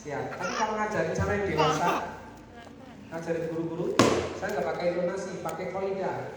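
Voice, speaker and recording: A woman's voice: lowish voice, steady tone, a little fast, heavy background noise. A woman teaching teachers a recitation method, drilling them in call-and-response with sing-song prompts. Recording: echoey hall, far from the mic, crowd behind.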